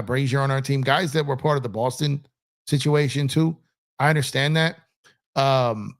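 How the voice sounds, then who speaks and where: A man with a creaky mid-range voice hosts a casual livestream from a gaming chair streaming setup. He chats loosely, reads viewer comments, and rambles with lots of fillers and repetition.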